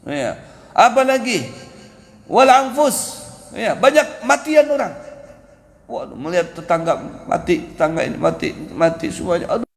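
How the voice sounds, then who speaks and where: A high-voiced male preacher delivers a lively dawn sermon, acting out prayers and laughing often. His voice rings through a mosque hall with a long reverb. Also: normal speed, vocal fry, long pauses.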